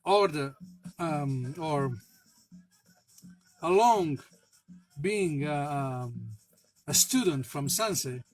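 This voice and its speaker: A man who is a spiritual worker, telling a personal story in a halting way, with many fillers and restarts, laughing at himself and swearing now and then. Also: a little high, animated, soft background music, low-quality recording. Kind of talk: casual spoken anecdote.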